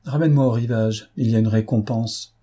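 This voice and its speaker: A man's voice: medium pitch, fairly even intonation, fairly quick, mellow, slightly rough, lightly acted. A man voicing a wry young male officer in an audiobook, dry and mocking.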